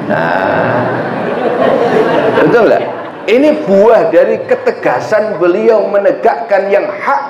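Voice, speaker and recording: A man with a high voice preaches a storytelling sermon in a mosque, speaking slowly with long pauses over a loud crowd and heavy background noise. He tells his stories with energy and often questions the congregation, all on an echoey, dull lo-fi recording.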